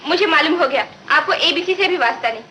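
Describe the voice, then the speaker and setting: An earnest young teacher coaxes her adult pupils in an old film. Her voice is high and instructive, and clear noise runs behind it. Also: expressive, fast talker, sharp tone. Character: earnest young woman teacher, patient then flustered.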